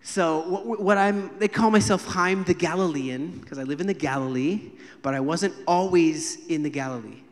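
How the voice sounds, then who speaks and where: A man's voice: fairly high pitch, normal speed. A man from the United States preaching a sermon at a live church service, telling stories and acting out the people he quotes. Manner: animated, acts out quoted voices and jokes with the congregation. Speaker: guest preacher. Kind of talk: sermon with storytelling. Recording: long hall reverb in church.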